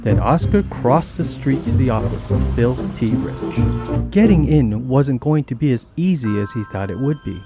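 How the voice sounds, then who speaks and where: A man narrates an animated children's story, reading with a lively, expressive delivery. His voice sits at a middle pitch and rises and falls a great deal. Music plays clearly behind him. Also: normal speed. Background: background music.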